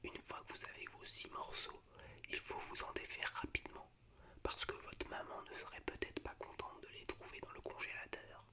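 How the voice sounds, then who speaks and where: A man hosting an ASMR session whispers monologues from films. It's a breathy, toneless whisper, leisurely and a little unsure.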